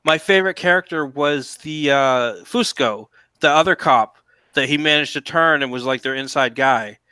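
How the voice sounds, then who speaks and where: A man chatting casually on a livestream in a rambling, halting way, often repeating and restarting his phrases. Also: on the high side, bright, forceful tone, smooth, dry recording. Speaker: stream participant chatting about TV shows.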